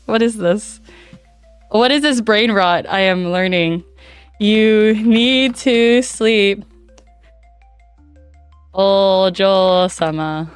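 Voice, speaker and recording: A woman streamer chats with viewers in a bubbly, giggly way. Her fairly high voice comes out raspy and hoarse after days of coughing. Soft background music plays under her. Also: dry recording. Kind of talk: casual chat stream. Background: faint background music.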